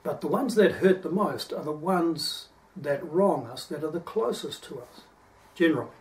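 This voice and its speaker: A man's voice: a little high, expressive, normal speed, darkish tone. A man preaching a sermon, reading scripture aloud and stopping to explain verses in an earnest teaching manner. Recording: distant microphone.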